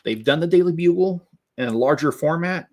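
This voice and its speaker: On the high side and a little mellow, his voice is brisk with lively intonation. The Lego channel host builds new sets and sizes them up, chatting casually and slightly sarcastically.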